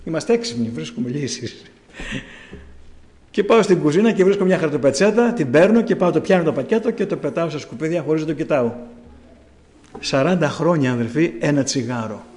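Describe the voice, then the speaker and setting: A man's voice: a little high, expressive, a little mellow. A man giving a personal testimony to a church, telling his story and acting out his own past words.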